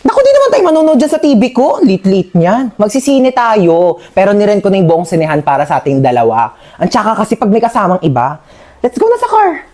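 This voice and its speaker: A woman's voice: mid-range voice, huge pitch swings, a little fast, a little mellow. A woman playing a rich, doting middle-aged aunt, talking breezily and showering her niece with endearments in a comedy skit. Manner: breezy, lavish, dotes with endearments. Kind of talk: comedy skit role-play.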